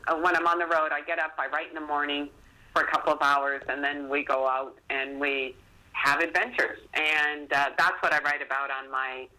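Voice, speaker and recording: In a low-quality recording, a middle-aged woman with a deep voice speaks at a normal pace as a guest on a podcast. She's an author who tells stories casually, chatty and self-deprecating, animatedly retelling exchanges.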